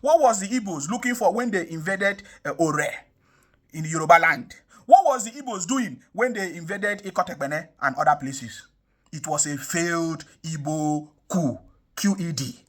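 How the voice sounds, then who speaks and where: With lively intonation and a voice on the high side, a young adult man from Nigeria's South South speaks at a moderate pace. As an online commentator, he delivers passionate political commentary that is emphatic and repetitive, relying often on rhetorical questions.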